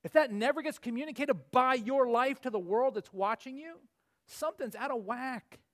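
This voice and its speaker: Forties male preacher, high-pitched, earnest, builds to emphatic peaks. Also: normal speed, fairly bright tone. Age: 40s. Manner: earnest, rising to emphatic peaks then dropping low. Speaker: pastor. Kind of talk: sermon.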